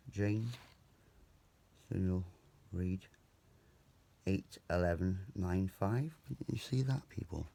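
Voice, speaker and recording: A British man speaks in a deep, gravelly voice with imprecise R sounds. His delivery is casual and digressive, like someone vlogging to viewers from his bedroom. A faint layer of noise sits behind the voice. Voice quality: trouble pronouncing R sounds when excited. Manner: meandering, digressive, talks to viewers. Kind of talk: casual, rambling vlog chat. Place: bedroom at home.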